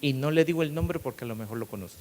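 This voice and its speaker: A middle-aged man, a pastor, preaching an animated sermon and acting out the people in his stories. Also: mid-range voice, fast talker. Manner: animated storytelling, acting out quotes, rising to loud emphasis. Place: church hall. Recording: long hall reverb with faint hiss.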